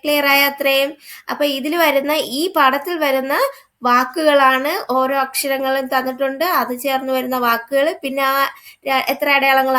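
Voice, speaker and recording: Lady teacher, higher voice, patient, asks the kids things then answers herself. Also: a bit bright. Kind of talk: explaining a first-grade workbook.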